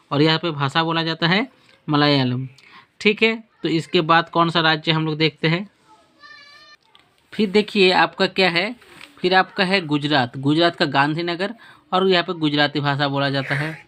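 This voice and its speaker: A man's voice: on the high side, fairly bright tone. A male teacher giving a spoken lesson with a map. He asks questions and answers them himself, repeats words, and corrects his own slips as he goes.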